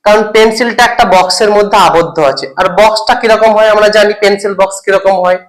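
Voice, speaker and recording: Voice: mid-range voice, rough recording. A teacher explaining a grammar point in a recorded lesson, asking questions and checking in with the listener. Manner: reads example English sentences slowly, word by word. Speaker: English teacher.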